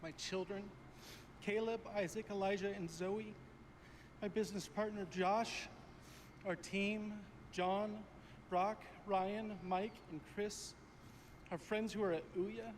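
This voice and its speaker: A man's voice: high voice, fairly even intonation, slow, pauses often. A man giving a heartfelt, earnest acceptance speech on an awards stage. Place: large awards hall stage. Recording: echoey hall with faint noise, played from a broadcast.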